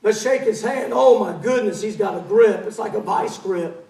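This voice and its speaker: A man's voice: sits high, normal speed, vocal fry. A male pastor telling a dramatic, playful sermon story in a church. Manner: animated, playful narration. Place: church sanctuary. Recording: echoey church, mic at a distance.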